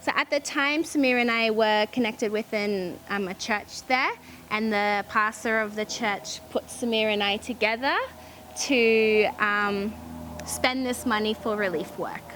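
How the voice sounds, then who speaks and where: A young Australian woman telling her story casually and hesitantly, with frequent ums and pauses. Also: mid-range voice, fairly bright tone, slight background noise, poor audio. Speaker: charity founder.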